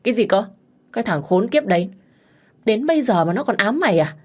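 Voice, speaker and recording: Woman reading as a loud blunt young woman friend, storybook. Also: fairly low pitch, normal speed, natural voice. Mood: outraged.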